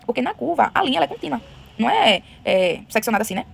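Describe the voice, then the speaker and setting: A woman's voice: a little high, rapid-fire, gravelly, slightly rough. A woman, chatting to camera and acting out the voices of the people in her story. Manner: chatty, lively, retells scenes with quoted voices. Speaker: vlogger.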